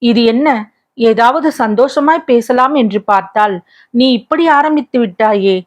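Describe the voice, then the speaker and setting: A woman's voice: fairly high pitch, measured pace, natural voice. A woman voicing a tender, coaxing young prince. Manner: gentle, coaxing questions.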